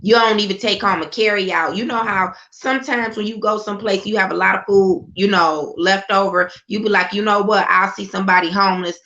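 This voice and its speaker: Fiery, gravelly woman ranting. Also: medium pitch, steady tone, fairly quick, few pauses, bright, forceful tone. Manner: fiery, sarcastic, repeats rhetorical questions. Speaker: political commentator. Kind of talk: impassioned political monologue. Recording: slightly dull lo-fi recording.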